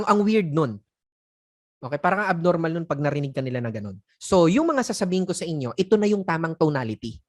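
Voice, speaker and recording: Chatty man coaching online sellers. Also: sits high. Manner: conversational, mixing in acted example phrases; chuckles often. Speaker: sales coach. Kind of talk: casual teaching talk.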